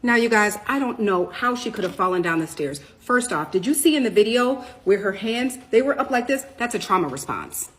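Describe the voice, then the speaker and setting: A woman's voice: mid-range voice, expressive, brisk, few pauses. A woman, talking urgently to her viewers and firing off question after question while she does her makeup. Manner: urgent, questioning, addresses viewers as "you guys". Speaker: storytime TikTok creator. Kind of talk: direct-to-camera storytime vlog.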